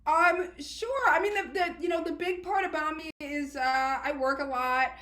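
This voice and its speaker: A woman's voice: high voice, steady tone, moderate pace, crowd noise. A woman, talking casually and chattily as a guest in an interview. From Queens, New York, United States. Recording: roomy, echoey sound.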